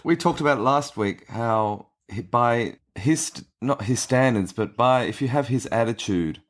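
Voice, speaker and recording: A man co-hosting a casual podcast discussion who explains technical details, often pausing with fillers. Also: mid-range voice, expressive. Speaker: podcast co-host.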